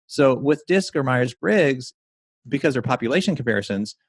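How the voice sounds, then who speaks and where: A man being interviewed as a mindset coach and speaker, explaining his method in a confident, pitch-like way. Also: lively intonation, moderate pace, breathy edge, dry recording, studio quality.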